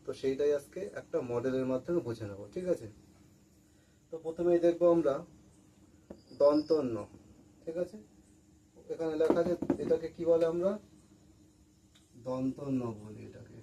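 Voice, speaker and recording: A male teacher leads a classroom-style lesson in a fairly high, mellow voice. He repeats key words and asks questions, then answers them himself. A faint noise sits under the recording. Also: moderate pace, pauses often, poor audio. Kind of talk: classroom lesson for school students. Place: room with a board.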